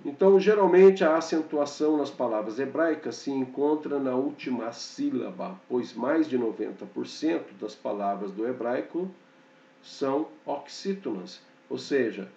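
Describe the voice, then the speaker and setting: A man teaching a slow, explanatory grammar lesson, pointing things out on a board and checking in often with short fillers. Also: medium pitch, animated, dark tone, distant mic. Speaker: Hebrew teacher. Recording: dull, echoey room, off-mic.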